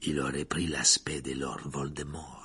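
Lupin, a man voicing a calm, gentle teacher. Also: rumbling low, slightly rough, voice pushed down, heavily acted. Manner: soft-spoken, measured, sometimes whispered. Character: calm, gentle adult male teacher, thoughtful.

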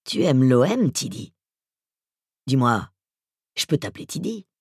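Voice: mid-range voice, very animated, unhurried, slightly rough, no echo, studio quality. Narrator doing a hissing, hollow-voiced villain. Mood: mock friendly. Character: hulking middle-aged male villain, menacing. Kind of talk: audiobook character voice.

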